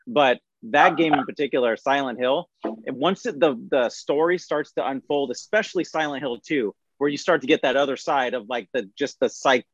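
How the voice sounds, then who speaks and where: A man in a casual podcast chat who talks enthusiastically, with quick asides and lots of fillers. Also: mid-range voice, no room sound, muffled recording.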